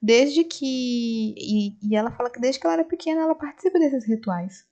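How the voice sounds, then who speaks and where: A woman's voice: on the high side, moderate pace, dark tone. A woman casually retelling a film scene by scene for her channel, acting out the characters' lines as she goes. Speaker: film reviewer. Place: home, right after the cinema. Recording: slightly dull lo-fi sound.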